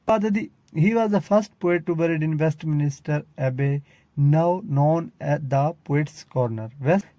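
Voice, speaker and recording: A man giving an exam-prep literature lecture, explaining step by step and reading English lines slowly. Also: fairly high pitch, dark tone, no echo. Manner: explains step by step, frequent "theek hai" check-ins, reads English lines slowly. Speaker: literature teacher. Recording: dull lo-fi sound.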